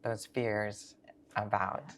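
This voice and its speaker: A sixty-year-old woman who plans finances answers interview questions in a conversational way, leaning on examples and rhetorical questions. She has a bass voice, a flat delivery, and draws out her words.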